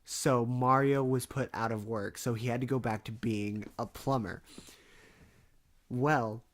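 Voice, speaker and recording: A man casually telling a story with a co-host, animated and swearing freely. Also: medium pitch, measured pace. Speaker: podcast co-host.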